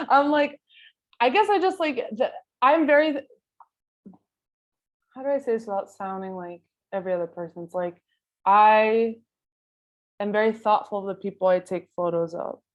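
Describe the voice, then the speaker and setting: A woman whose voice is on the high side speaks at normal speed, pausing often, as a guest photographer in an artist talk. She answers interview questions informally in Spanish, her second language rather than her first. Her thinking-aloud style is full of filler phrases like "like" and "you know."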